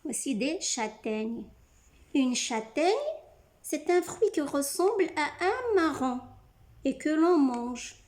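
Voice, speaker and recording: A woman teaching young children to read, sounding out syllables slowly and clearly. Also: high-pitched, expressive, a little mellow. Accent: French-speaking North African. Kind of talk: slow, deliberate reading lesson for children.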